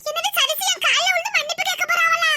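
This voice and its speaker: A woman's voice: extremely high pitch, fairly even intonation, quick pace, over loud music. A woman voicing a dramatic young wife who makes a big scene, in a Tirunelveli Tamil accent. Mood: accusing. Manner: theatrical, wailing.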